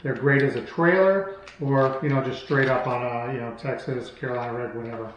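Showing off products in an unscripted vlog, this man in his thirties talks a little fast in a mid-range voice, casual and rambling. A camera mic across the table picks him up in a small hard-walled room at home, so there's heavy echo, faint background noise, and muffled highs.

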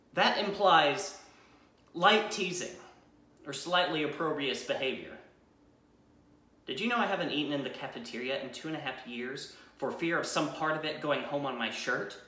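Young man acting an anguished, bitter bullied teenage boy, echoey. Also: fairly high pitch. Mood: angry, accusing. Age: young adult. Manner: anguished, accusing, swinging from outburst to quiet. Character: bitter, wounded bullied high school boy confronting a classmate. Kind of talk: dramatic stage monologue. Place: small plain-walled room indoors. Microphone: camera a few metres away. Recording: echoey room, mic at a distance.

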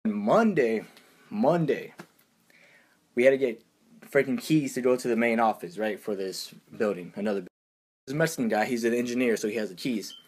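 A man's voice: medium pitch, fairly quick, a little mellow, husky. A young man telling everyday stories in a casual, exasperated rant, acting out other people's lines in a raised voice. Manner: exasperated, uses slang. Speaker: vlogger.

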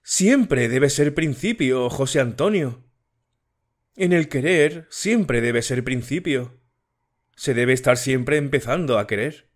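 A sickly young woman, tearful and pleading, performed by a man reading an audiobook. Her voice sits noticeably higher than the reader's usual tone. She speaks slowly and clings to every word. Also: animated.

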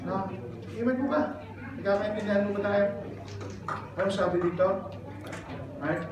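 A man from the Philippines preaching a sermon, switching between Tagalog and English. He keeps checking in with his listeners with "right?" and "amen?" and tells his stories in an animated way. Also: high-pitched, moderate pace, highs cut off. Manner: animated storytelling. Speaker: pastor. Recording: echoey hall, distant mic, noisy.

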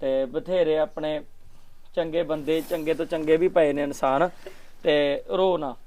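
A man's voice: on the high side, fairly even intonation, a little slow, a little mellow. A young man with a handheld mic, pleading again and again on camera for help for a poor village family. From Punjab, India. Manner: pleading, repeats requests to share and help. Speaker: charity vlogger. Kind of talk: vlog appeal. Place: outdoors at a village home.

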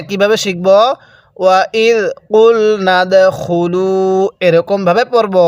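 A man teaching Quran reading, slowly drawing out example words and then explaining the rules. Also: high-pitched, no room sound, clean studio sound. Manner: slow drawn-out recitation of example words, then brisk explanation. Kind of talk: recitation lesson, spelling out words.

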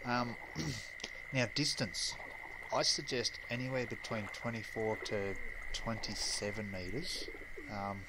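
A young man giving a relaxed, rambling gameplay tutorial full of fillers and pauses. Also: on the low side, very noisy. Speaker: game streamer. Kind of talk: casual gameplay tutorial commentary.

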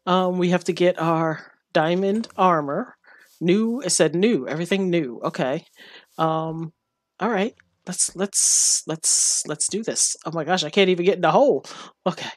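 A chatty woman talks through her game with a lowish, dry voice. She giggles often and speaks to her character as she plays. The sound is close and dry, with no room around it. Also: unhurried, no echo. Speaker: gamer. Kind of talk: casual gameplay commentary.

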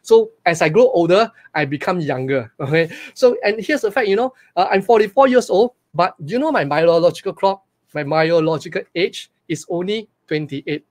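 Speaking through a webcam on a video call, a Malaysian English-accented business coach in his forties hosts a live webinar from a small room. His voice sits high and he keeps a moderate pace, repeating himself with energy and constantly quizzing his audience.

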